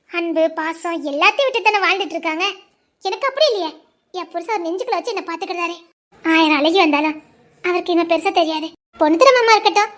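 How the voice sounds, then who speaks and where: A woman's voice: extremely high pitch, fairly bright tone. A woman playing a devoted young wife and sister in a family serial, speaking in an emotional, pleading way with a Tirunelveli Tamil accent.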